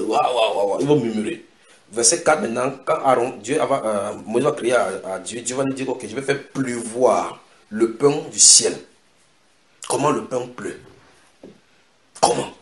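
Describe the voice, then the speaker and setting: A man preaching a sermon in an animated way, repeating key phrases for emphasis. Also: medium pitch. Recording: echoey room.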